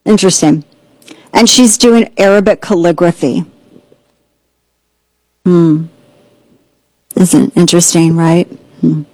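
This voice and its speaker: A woman's voice: lowish voice, fairly even intonation, warm tone, dry recording, poor audio. Sarcastic woman host, dry close sound. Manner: sarcastic, mocking, rapid asides. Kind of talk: opinionated political commentary.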